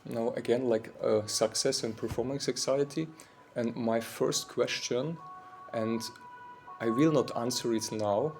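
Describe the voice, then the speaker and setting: An Austrian monk in his forties gives an informal talk in English at a university lecture room, his Austrian German accent clear. His slightly weak, medium-pitched voice stays steady with vocal fry and a little mellowness, and he speaks haltingly, searching for words and often saying "like." Faint music plays in the background.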